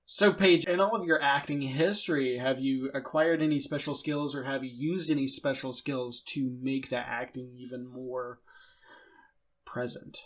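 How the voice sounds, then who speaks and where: A man hosts a podcast and interviews a guest. His talk is loose and conversational and tends to ramble. His voice sits at a middle pitch. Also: steady tone, normal speed. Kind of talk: casual interview chat.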